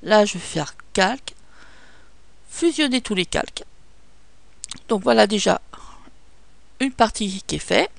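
A woman speaking walks through a photo-editing tutorial one step at a time, pausing often on fillers. Her mid-pitched voice has a gravelly fry, recorded close and dry with no room sound. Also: lively intonation, dry recording. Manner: step-by-step instructions with frequent fillers. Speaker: tutorial presenter. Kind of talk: screen-recorded software tutorial.

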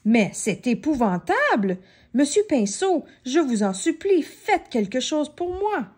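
Woman voicing a teasing prankster lady, storybook, high and bouncy. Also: expressive, takes it slowly, a little mellow, exaggerated voice. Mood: pleading. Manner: playful, sly. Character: mischievous female prankster, giggly and teasing.

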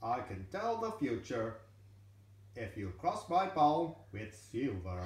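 A man's voice: medium pitch, sing-song, slow pace, darkish tone. Zoltar, a man doing a pompous fortune machine. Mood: grandiose. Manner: grand, self-important announcer delivery, money-grubbing. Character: pompous male fortune-telling machine, grandiose, greedy. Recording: very echoey room, from a distance.

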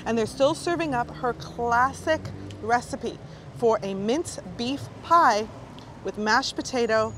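Taking her time, a woman with a somewhat high, slightly bright voice hosts a food tour, chatting with real enthusiasm. The vlog moves between outdoor spots and small food shops, and the street noise is loud.

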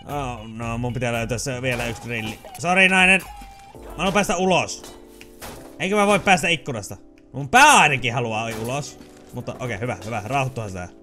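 A man giving casual, excitable commentary while playing a video game, swearing, yelping and slipping into English phrases. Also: mid-range voice, faint music behind. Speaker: let's play gamer.

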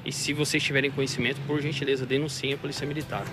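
A man's voice: mid-range voice, little pitch movement, rapid-fire, over music. A male police officer with a Brazilian accent, giving a formal interview statement outdoors and appealing to the public. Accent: Brazilian Portuguese. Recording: outdoor noise.

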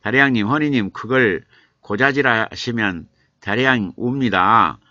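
Older male professor streaming live, playful and repetitive as he reads out chat; bright, forward voice over dull lo-fi audio. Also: medium pitch, unhurried, no echo. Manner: chatty, reads viewer comments aloud and teases them playfully; explains patiently, repeating himself. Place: home streaming room.

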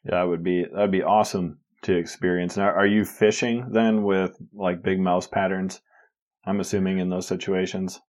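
A man's voice: low-pitched, little pitch movement, normal speed, a little mellow. A man hosting a fishing podcast, asking easygoing interview questions. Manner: easygoing, brief acknowledgments. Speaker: podcast host.

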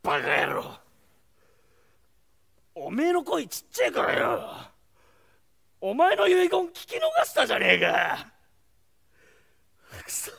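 An actor playing a bitter, dying samurai captain with a coarse, rough-edged way of talking, on a stage recording with music. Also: male voice, extremely high pitch, huge pitch swings, slow pace, pauses often, full character voice. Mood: anguished. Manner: coarse rough-edged speech, brooding then shouting.

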